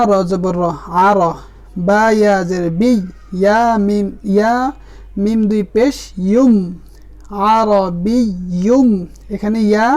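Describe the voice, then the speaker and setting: A man teaching Quran reading, spelling out each letter and vowel mark and then drawing the words out slowly and patiently. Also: high-pitched, a little mellow. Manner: patient, addresses the viewer directly. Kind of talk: step-by-step spelling lesson.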